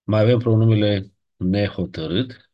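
A man's voice: fairly low pitch, muffled recording. A man teaching a grammar lesson, patiently reciting word forms step by step and checking in with short questions. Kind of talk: ancient Greek grammar lesson.

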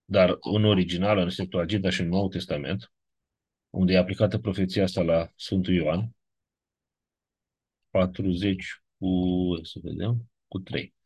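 Low husky man teaching online. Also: steady tone, a little mellow, dry recording. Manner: explanatory, keeps checking with "da?" and "nu?". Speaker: teacher of biblical Greek. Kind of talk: online lecture.

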